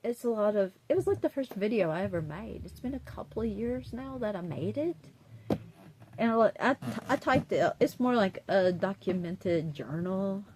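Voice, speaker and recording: A woman's voice: medium pitch, animated, moderate pace, a little mellow, a little hiss or hum. A middle-aged woman with an Appalachian West Virginia accent, chatting casually and bluntly to her viewers in a defiant, sweary way. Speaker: vlogger. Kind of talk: casual, rambling chat to viewers.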